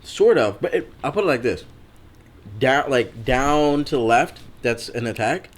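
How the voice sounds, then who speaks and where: A young man chatting as a podcast guest, animated, acting out reactions and sound effects as he talks. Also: medium pitch, measured pace. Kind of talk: casual chat.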